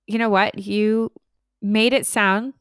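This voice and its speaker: A woman's voice: mid-range voice, fairly even intonation, slow pace, fairly bright tone, clear, resonant tone, dry recording, clean studio sound. A middle-aged woman with a Canadian accent, chatting casually as a podcast co-host. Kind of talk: casual conversation.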